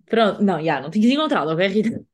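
A woman's voice: medium pitch, sing-song, racing. A woman with a European Portuguese accent in casual chat, reacting and asking short questions. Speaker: podcast co-host.

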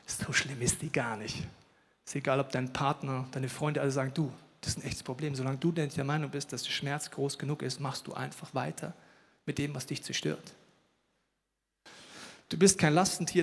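A man preaching a lively sermon at a church service, telling stories and acting out the voices of the people in them. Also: fairly high pitch. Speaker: pastor. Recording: long hall reverb.

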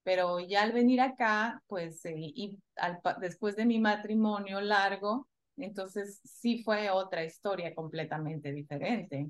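A woman from Ecuador in her forties, a guest in a casual chat, talking thoughtfully with pauses and fillers. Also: medium pitch, low-quality recording.

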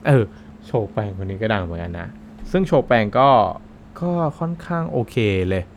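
A man's voice: lowish voice, big pitch swings, moderate pace, slight background noise. A man co-hosting a casual podcast, talking in a chatty, easygoing way and laughing often. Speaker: podcast co-host explaining coffee.

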